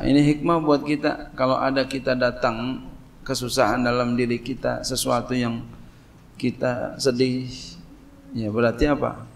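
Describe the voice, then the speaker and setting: A middle-aged male preacher teaches a classical text in a loose, joking sermon. His voice is gravelly and his pitch sits mid-range. He acts out little exchanges and reads Arabic before translating it. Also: a little hiss or hum. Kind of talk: casual sermon in Indonesian with Jakarta slang.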